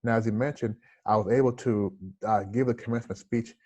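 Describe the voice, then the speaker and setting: Joining an interview by video call from home, this man in his forties recounts his story in an earnest, reflective way, moving his hands as he talks. His voice is medium-pitched and darkish, steady in tone and fairly quick, with a slight lisp.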